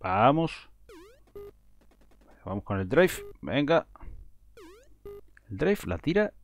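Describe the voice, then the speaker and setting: A man giving casual, excitable commentary while playing a video game, breaking into frustrated outbursts. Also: mid-range voice, takes it slowly, faint music behind. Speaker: gaming video host.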